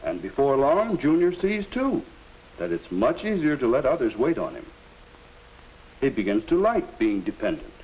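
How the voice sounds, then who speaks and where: A male actor voices a kindly, instructive middle-aged schoolteacher in a 1950s educational film, advising a student in the measured, didactic style of narrators from the time. His medium-pitched, darkish voice has huge pitch swings and an instructive mood. The recording is low quality, a hissy old 1950s film soundtrack.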